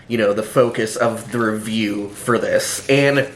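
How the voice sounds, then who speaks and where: An unhurried man with a lowish, steady-toned voice gives a hungover, unscripted food review. He's rambling and hesitant with a dry, sardonic edge and many filler words. The audio has a roomy echo and faint noise behind it.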